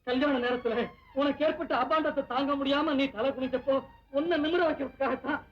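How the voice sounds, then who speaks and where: A man's voice: very high-pitched, steady tone, brisk. An actor playing a patient, tender young husband in a 1970s film drama, coaxing and teasing his wife. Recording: dull old film soundtrack.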